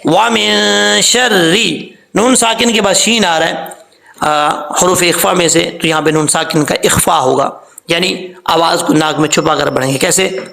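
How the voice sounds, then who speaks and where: Gravelly, bright-voiced male Quran teacher. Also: a little high. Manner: explains slowly, drawing out recited words as examples. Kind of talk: tajweed lesson.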